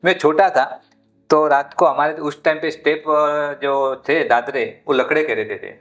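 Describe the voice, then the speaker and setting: A man speaking as a Jain monk guest in a podcast interview, teaching through long rambling anecdotes and climbing high in pitch when he stresses a point. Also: steady tone, measured pace, fairly bright tone.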